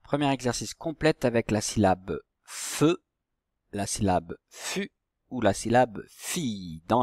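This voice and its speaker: Patient schoolteacher, slow and clear. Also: male voice, lowish voice, no echo, clean studio sound. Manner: slow, patient, stretches words and syllables. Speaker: primary school teacher. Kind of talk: recorded reading lesson for young children.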